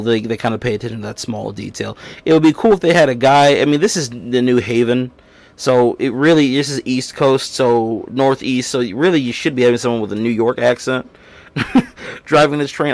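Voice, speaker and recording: A man's voice: medium pitch, vocal fry, no echo. A man hosting a casual livestream, talking in a rambling way and reading viewers' chat aloud. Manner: rambling and casual, with many restarts and fillers. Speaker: livestream host.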